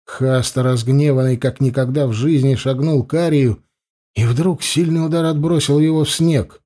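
Dark-voiced male audiobook narrator. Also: mid-range voice, steady tone, normal speed. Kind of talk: scripted narration.

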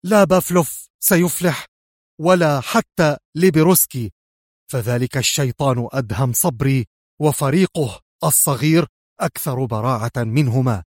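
A man's voice: mid-range voice, moderate pace, dry recording, studio quality, lightly acted. A man voicing a harsh male crime boss who speaks sternly and in anger. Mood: angry. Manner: sharp, stern, furious.

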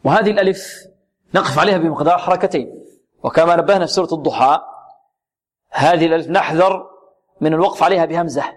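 A man teaching Quran recitation rules, drawing out words slowly and repeating syllables, asking and answering his own questions. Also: on the high side. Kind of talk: tajweed lesson with recited examples.

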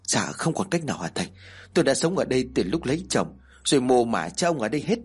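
A man voicing an elderly grieving village mother who pleads through tears, husky. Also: mid-range voice, very animated, fast talker. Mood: pleading. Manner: pleading, tearful.

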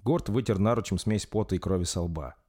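A man's voice: sits low, fairly quick, breathy edge. Man narrating a fantasy audiobook. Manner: steady storytelling.

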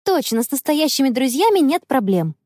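A woman's voice: a little fast, no room sound, studio quality. A woman voicing an eager, pleading young girl. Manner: high, pleading, excitable.

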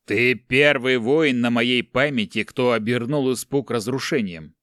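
Man voicing a gruff, mocking giant barbarian. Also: medium pitch, no room sound, clean studio sound, natural voice. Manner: slow, loud, folksy mockery.

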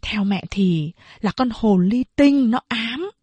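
An older mother frets and pleads over her son, who has lost his mind, as a woman reading the story puts her on. Her husky voice moves slowly and sits somewhat high. The sound is close and dry, as in a storybook reading. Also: animated, darkish tone, dry recording, full character voice. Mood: worried. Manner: wailing, pleading.

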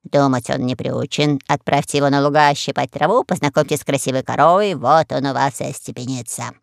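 A reader voicing a bossy old male parrot in an audiobook, with gruff, lecturing talk. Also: medium pitch, steady tone, fairly quick, no room sound, clean studio sound, pitched below the performer's own voice, natural voice. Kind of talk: audiobook character voice.

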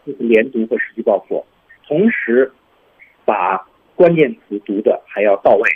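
Male radio English teacher, lively, slightly husky, tinny broadcast sound. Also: normal speed. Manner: lively, demonstrates lines with heavy stress and rising pitch. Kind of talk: radio language lesson.

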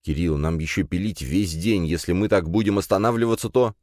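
A man's voice: sits low, a little fast, darkish tone, dry recording, natural voice. A man voicing a practical young man who explains things in a dry, grumbling way. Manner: matter-of-fact, grumbling.

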